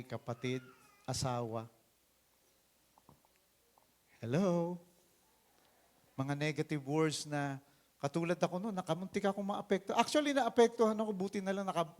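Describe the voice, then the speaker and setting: A Filipino pastor from the Philippines delivers a lively sermon with a Filipino accent, shifting between loud calls and quiet asides.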